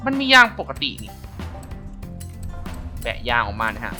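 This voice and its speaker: A man giving casual racing game commentary, chatty and polite as he explains, then bursting into loud excited exclamations. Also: medium pitch, measured pace. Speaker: gameplay commentator. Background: racing game music.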